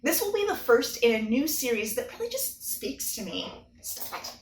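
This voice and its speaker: A woman's voice: high voice, sing-song, normal speed, a little hiss or hum. A woman author giving a chatty, earnest video update to her readers. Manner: chatty and earnest, with bursts of laughter. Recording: echoey room, mic at a distance.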